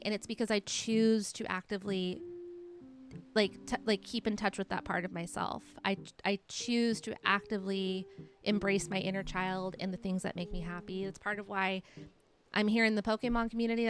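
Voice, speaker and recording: A woman in her late thirties with a mid-range, fairly bright voice chats casually on a live stream. She reads her chat's messages aloud and encourages them.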